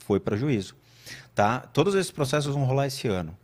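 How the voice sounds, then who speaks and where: Animated man telling a story. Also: medium pitch, a little fast. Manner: animated storytelling, acts out quoted voices. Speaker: podcast guest. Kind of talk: casual chat.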